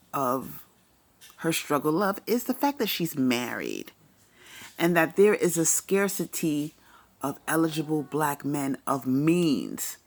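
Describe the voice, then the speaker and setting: A woman talks through celebrity gossip in an unhurried, opinionated way. Her lower voice moves through a wide, expressive range. She is blunt and profane, and she states her views like settled fact. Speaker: commentary vlogger. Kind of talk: casual celebrity gossip commentary.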